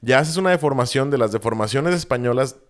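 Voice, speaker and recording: A young Mexican man with a Jalisco accent, talking in a loose, slangy way full of swearing. He wanders through long explanations in an easy podcast chat, his pitch sitting in an ordinary middle range. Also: animated, fast talker. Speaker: podcast co-host. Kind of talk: casual chat.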